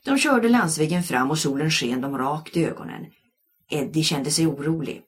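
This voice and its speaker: Low-voiced, expressive woman storyteller. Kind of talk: audiobook narration.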